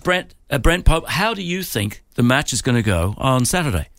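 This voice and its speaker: A man with an Irish accent hosting a radio sports show, bantering in a jokey, quick-witted way. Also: medium pitch, big pitch swings, vocal fry, fairly bright tone. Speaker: radio host. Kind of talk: casual radio chat.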